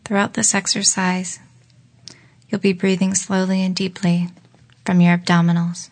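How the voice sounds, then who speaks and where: A woman leading a guided relaxation exercise in a slow, soft voice that often drops into a whisper. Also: fairly low pitch, little pitch movement. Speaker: meditation guide.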